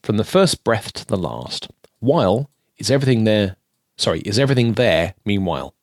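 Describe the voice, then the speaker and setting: A man in his forties co-hosts a podcast, chatting casually in a rambling way full of hesitant ums and dry jokes. His voice is lowish and very animated, at a moderate pace, with no room sound.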